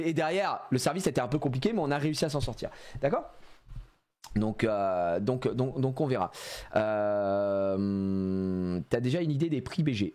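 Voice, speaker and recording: A man's voice: mid-range voice, a little mellow. A man in his thirties chatting casually on a live stream, rambling and joking with many fillers.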